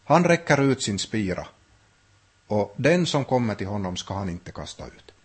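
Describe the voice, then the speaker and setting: A man's voice: on the low side, very animated, breathy edge. A man teaching a Bible study, thinking aloud with frequent restarts and hesitations. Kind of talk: unscripted Bible study talk.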